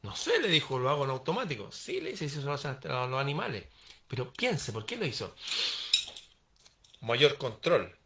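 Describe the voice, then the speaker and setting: A man's voice: mid-range voice, very animated, fast, creaky, a bit bright. A man telling a parable aloud, acting out the dialogue in varied voices. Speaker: storyteller. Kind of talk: oral storytelling of a parable.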